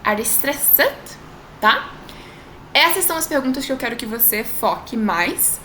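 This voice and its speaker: A woman with a higher, very bright voice gives a relaxed online language lesson, slowing down to model each sentence. The sound is roomy and echoey, with a faint hiss underneath. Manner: chatty, drawn-out model phrases, frequent tag questions. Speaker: language teacher. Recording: echoey room with faint noise.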